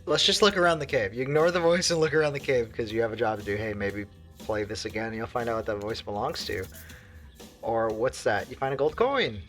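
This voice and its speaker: A man's voice: mid-range voice, fairly quick, faint music behind. Jokey man reading game text aloud. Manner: jokey, talks to viewers, bursts into loud exasperated shouts. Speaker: gaming video creator.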